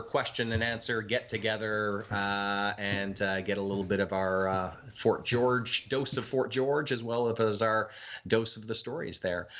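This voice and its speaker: A Canadian ghost tour guide appears as a guest in a casual interview, talking in an informal, chatty way with hesitant phrasing. His voice is fairly low in pitch with a fairly bright tone.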